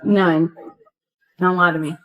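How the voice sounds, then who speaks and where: A woman's voice: lowish voice, steady tone, takes it slowly, dull audio. A woman police officer questioning someone bluntly and insistently, repeating her questions and orders. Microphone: police body camera.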